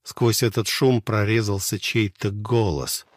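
A man narrating an audiobook in a measured, steady storytelling manner. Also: fairly low pitch, background noise.

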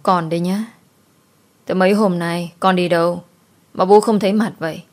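A woman voicing a vain, sharp-tongued rich mistress who scolds and mocks. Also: on the low side, steady tone, moderate pace, close to an everyday voice. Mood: sour. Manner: scolding, sour and mocking.

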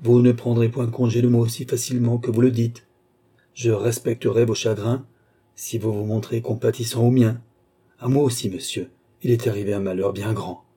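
A man's voice: mid-range voice, flat delivery, normal speed, dark tone, slightly rough, close to an everyday voice. A man reading an audiobook, voicing an indignant, hot-headed young nobleman who accuses and raises his voice. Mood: furious.

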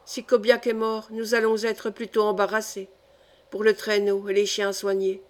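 A woman's voice: medium pitch, monotone, normal speed, natural voice. A woman reading the lines of a frightened male polar geologist in an audiobook, murmuring anxiously. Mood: worried. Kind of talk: audiobook character voice.

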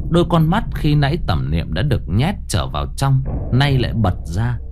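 A man narrating a horror story in a dramatic, scripted style with swinging intonation. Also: lowish voice.

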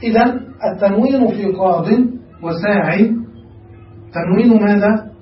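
A man's voice: high-pitched, normal speed, slight background noise. Give me a male teacher who keeps asking his class check questions, recorded in an echoey room. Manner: quizzes students with frequent check questions. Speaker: grammar teacher. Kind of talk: classical grammar lesson. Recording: echoey room, far from mic, dull.

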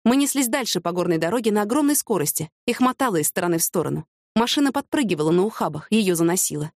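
A woman narrating a novel in an even, expressive reading voice. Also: mid-range voice, fast, dry recording, clean studio sound. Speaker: audiobook narrator. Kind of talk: scripted narration.

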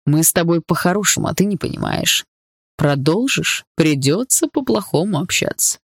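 A woman's voice: on the low side, animated, normal speed, husky, no room sound, clean studio sound. A woman voicing a stern male bodyguard who speaks curtly and with threat, in a storybook reading. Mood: threatening. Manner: curt, threatening.

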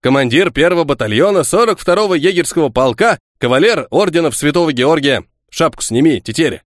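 A boastful young officer, cheerful and full of himself, as a male reader acts him out. The voice rides high and bouncy, recorded dry and close. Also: animated, fairly quick, no echo, close to an everyday voice. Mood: self-important. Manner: boastful, lording it over others.

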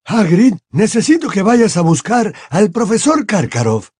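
A man's voice: high voice, sing-song, a little slow, darkish tone, breathy edge, no room sound, studio quality, voice pushed up, exaggerated voice. Dumbledore: a man doing a firm old headmaster. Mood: commanding. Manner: firm and commanding. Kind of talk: audiobook character voice.

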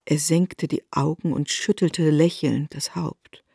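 High-voiced male narrator. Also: fairly even intonation, slow, gravelly, darkish tone, slightly rough, dry recording, clean studio sound. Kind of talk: literary radio narration.

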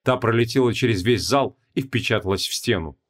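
A man narrating a fantasy audiobook with an expressive, dramatic reading. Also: medium pitch, fairly quick.

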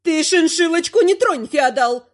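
Brief: woman reader doing a high-pitched, theatrical, scolding old grandma. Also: animated, unhurried. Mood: indignant scolding. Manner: indignant, lecturing, theatrical. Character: haughty scolding old grandmother, sharp-tongued.

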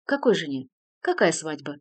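A woman's voice: expressive, moderate pace, no room sound, close to an everyday voice. A woman voicing a furious young count. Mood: furious shouting. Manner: shouting, raised and high. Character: hot-tempered young male count, furious.

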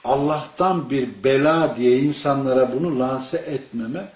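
A man's voice: mid-range voice, measured pace. A man preaching an informal sermon to a small group, telling stories and asking his listeners questions. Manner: storytelling, asks the audience questions. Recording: echoey room, dull lo-fi sound.

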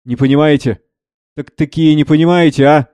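A man reading the part of a pious old monastery monk, slow and sing-song, scornful in turns. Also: a little high, steady tone, warm tone, no room sound, pitched above the performer's own voice, lightly acted.

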